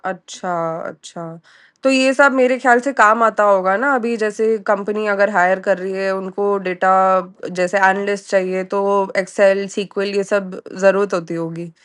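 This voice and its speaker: Over a call recording, a woman with an Indian accent conducts a casual question-and-answer conversation, curious and often rephrasing what she asks. Her mid-range voice is smooth and steady, with a measured pace.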